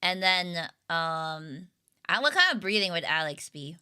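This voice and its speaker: Bright, giggly young woman streamer. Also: fairly low pitch, sing-song, unhurried, clear, resonant tone. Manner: rambling and giggly, with lots of fillers. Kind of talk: casual livestream chat with viewers.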